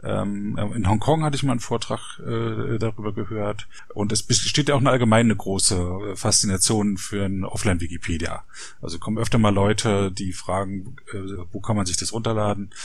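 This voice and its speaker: A man hosts a podcast interview in a relaxed, conversational way. His voice is fairly low and a little husky. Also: normal speed, no room sound. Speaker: podcast host.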